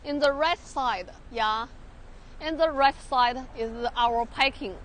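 Chinese-accented woman giving slow factory tour. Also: sits high, a little hiss or hum. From China. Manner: halting non-native English, repeats words, many fillers. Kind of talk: live factory tour walkthrough. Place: large industrial workshop and outdoor factory yard.

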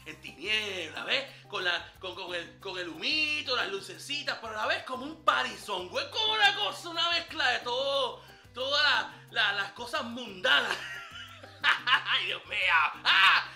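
Brash flirty ladies' man, very high voice, lively swaggering comedy banter, roomy echo. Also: unhurried, gravelly, soft background music, exaggerated voice. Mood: boastful. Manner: swaggering slangy banter, calls listener papá. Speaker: comic character giving dating tips. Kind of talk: comedy sketch monologue.

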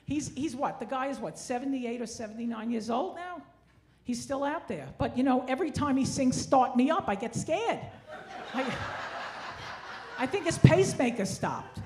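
Yiddish-inflected older woman stand-up, higher-pitched. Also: lively intonation, moderate pace. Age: 60s. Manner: wry, self-deprecating complaining. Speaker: stand-up comedian. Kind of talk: stand-up comedy routine. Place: theatre stage, indoors. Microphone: handheld stage microphone. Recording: live stage ambience with clear noise.

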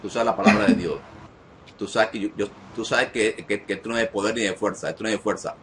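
A man leading a live deliverance prayer, giving commanding, repetitive orders that rise to shouted commands. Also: lowish voice, fairly even intonation, fast talker, a crowd in the background. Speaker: deliverance minister.

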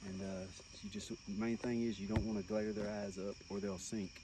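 A middle-aged man with an Arkansas Southern accent explaining things casually to camera in a low-key, folksy way. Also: flat delivery, a little fast. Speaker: alligator hunter. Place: open boat on water at night. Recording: outdoors at night, distant mic, insect noise.

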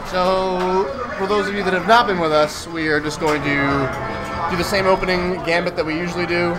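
A man's voice: high voice, steady tone, moderate pace, rough recording. A man giving casual livestream commentary on his own game as he plays. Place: indoor bar arcade. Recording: loud music in a busy arcade. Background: loud music.

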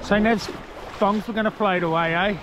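A man's voice: sits high, steady tone, normal speed. A man with an Australian accent filming a fishing trip, joking and matey in casual chat. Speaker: vlogger. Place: on a small fishing boat at sea, outdoors. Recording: loud wind, engine and waves behind.

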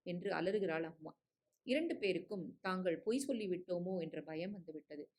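Woman, storyteller, audiobook short story, measured, expressive reading. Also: lowish voice.

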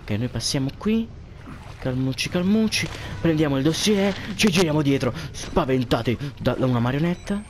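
A man's voice: a little high, animated, brisk, few pauses, slight background noise. A man commenting on a horror game for viewers, jumpy and joking, swearing often at what scares him. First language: Italian. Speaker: gameplay commentator.

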